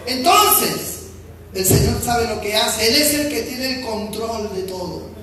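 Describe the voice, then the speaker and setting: A Peruvian man preaching a sermon, emphatic and repetitive, swinging from shouts to soft speech. His voice is high and bright. He is heard from far off in a very echoey church hall with faint ambience. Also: expressive, measured pace. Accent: Peruvian Spanish. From Peru. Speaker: pastor.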